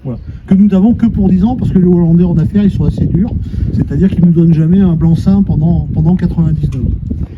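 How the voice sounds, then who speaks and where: Visitors hear a company executive with a high voice explain a water treatment plant at a quick pace, right on site. He talks informally and colloquially and simplifies the technical material as he goes. The recording is dull, with a lot of ambient noise.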